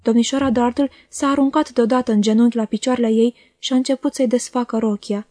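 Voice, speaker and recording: A woman reading a classic novel aloud as an audiobook, in a measured and expressive manner. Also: on the high side, no echo, clean studio sound. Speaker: audiobook reader. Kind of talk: literary audiobook narration.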